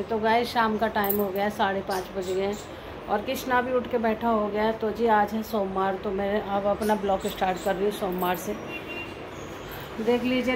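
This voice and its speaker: A woman chatting casually to her viewers in a home vlog, speaking slowly because of sore mouth ulcers. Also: medium pitch, roomy sound, distant mic, background noise. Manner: chatty, often addresses viewers as guys. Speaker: family vlogger.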